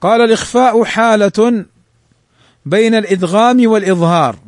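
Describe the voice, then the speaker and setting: A man teaching the rules of Quran recitation. He reads the rules quickly and draws the examples out slowly. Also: sits high, dry recording, clean studio sound. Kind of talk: tajweed lesson explaining a text.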